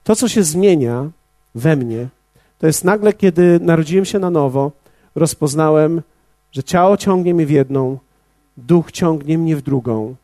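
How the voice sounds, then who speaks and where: A man preaching a sermon as pastor, measured and speaking directly to his congregation. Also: on the high side, mellow, no room sound.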